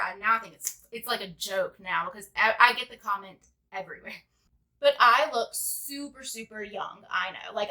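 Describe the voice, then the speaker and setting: Bright-voiced chatty young woman. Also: on the high side. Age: 20s. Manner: rambling, chatty, heavy use of "like". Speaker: beauty vlogger. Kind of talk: casual makeup tutorial chat.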